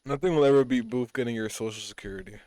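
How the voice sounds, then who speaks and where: A man's voice: medium pitch, racing, warm tone, no echo. Blunt, foul-mouthed man on a podcast. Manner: blunt, heavy swearing. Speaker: podcast co-host. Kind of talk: casual podcast chat.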